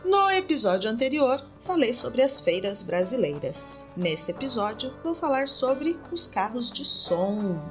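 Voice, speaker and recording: A woman's voice: on the high side, very animated, measured pace, few pauses, faint music behind. A woman with a Brazilian accent hosting a teaching podcast, addressing the learner directly. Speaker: podcast host and language teacher.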